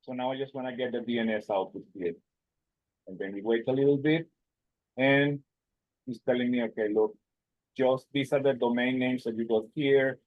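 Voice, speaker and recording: A man giving a live tech demo on a video call, his voice muffled as if through a wall, halting and restarting his words. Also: medium pitch, no room sound. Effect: muffled, as if heard through a wall. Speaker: presenter.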